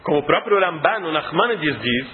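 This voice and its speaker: A man teaching a religious lesson as lively storytelling, acting out the scenes and often clearing his throat. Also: a little high, moderate pace, slight background noise. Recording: tinny phone-like sound in an echoey hall.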